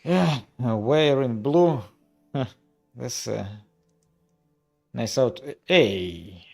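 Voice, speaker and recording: A man's voice: medium pitch, sing-song, extremely slow, creaky, a little mellow, faint music behind. A man playing a tabletop game, describing his character's actions in a casual, hesitant way.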